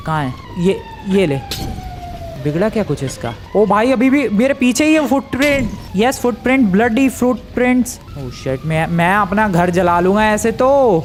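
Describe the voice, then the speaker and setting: A young man giving casual, excitable commentary over a video game, his voice jumping up when he gets scared. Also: a little high. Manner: excitable, yelps and rises sharply when scared. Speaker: gaming YouTuber.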